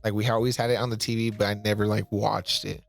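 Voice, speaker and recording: A young man with a lowish voice talks fast in a casual podcast chat. He is blunt and swears, and rambles when he tells a story. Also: little pitch movement, vocal fry, soft background music. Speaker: podcast co-host.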